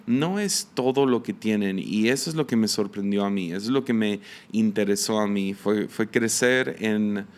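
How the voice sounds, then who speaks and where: A man's voice: lowish voice, darkish tone, smooth. A man in his thirties with a Mexican Spanish accent, hosting a solo podcast in a casual, hesitant way with many fillers and restarts. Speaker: podcast host and missionary.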